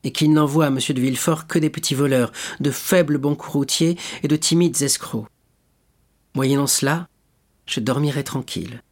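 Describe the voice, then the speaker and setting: A man voicing an anxious, gentle young noblewoman, a bride-to-be, in a pleading, worried way. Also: medium pitch, normal speed, natural voice.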